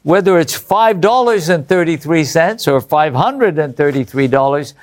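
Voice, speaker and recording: With a voice on the high side, animated and moderately paced, this English host reads viewer letters on his Bible study program. He keeps it upbeat and chuckles between remarks.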